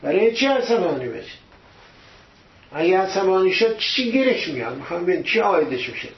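A man's voice: sits high, very animated. Man preaching with rhetorical questions. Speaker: religious teacher. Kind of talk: sermon. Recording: echoey, dull lo-fi room recording.

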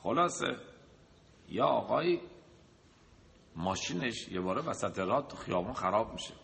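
Bright-voiced man preaching in a hall. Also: lowish voice, lively intonation, vocal fry. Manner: asks rhetorical questions and lists examples. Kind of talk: sermon with a told anecdote. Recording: long reverb of a large hall.

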